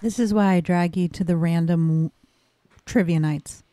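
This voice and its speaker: Female co-host, warm mellow tone, teasing side comments. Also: on the low side, steady tone, unhurried, dry recording, clean studio sound. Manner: teasing, chiming in with short remarks. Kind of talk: casual livestream chat.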